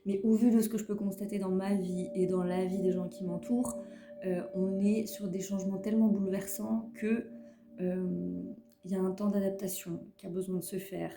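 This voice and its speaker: A tarot reader with a gravelly, medium-pitched voice speaks flatly at an ordinary pace in her casual weekly card reading. Her talk is hesitant, thick with fillers and repetitions, and she teases herself about her English against a roomy echo and soft music.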